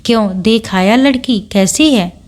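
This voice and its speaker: A woman reading the part of a kind, affectionate middle-aged mother who questions her son warmly and teasingly. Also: a little high, a little slow, lightly acted. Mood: curious.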